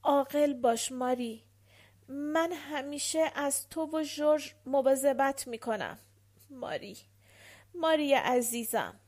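A dying general murmurs faint, broken phrases in his delirium, as a woman reading the audiobook puts him on. The voice sits a little high and drifts, as if from a sickbed. It is a quiet storybook scene. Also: expressive. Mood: tender.

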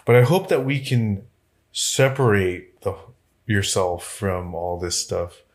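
A man's voice: fairly low pitch, expressive, slow pace. A man hosting a podcast in casual chat, joking around and plugging the show. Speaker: podcast host.

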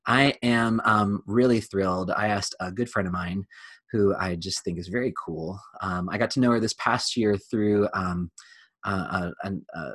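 A lower-voiced man, a pastor hosting a casual podcast interview, heard on a close, dry mic. He keeps stopping to restart his sentences and fills the gaps with ums. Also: a bit bright, breathy edge, dry recording. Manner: halting, many fillers and restarts.

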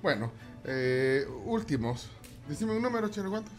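A man with a Salvadoran accent hosting a live radio show, playful and quick to laugh. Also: on the high side, sing-song, soft background music. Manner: playful, laughing, quiz-style prompting. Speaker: radio host.

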